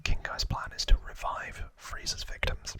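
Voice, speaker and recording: At a moderate pace, a man whispers a casual ASMR recap close to the mic, his unvoiced delivery sounding pushed and bright. He hesitates, rambles, and stops to fix what he says.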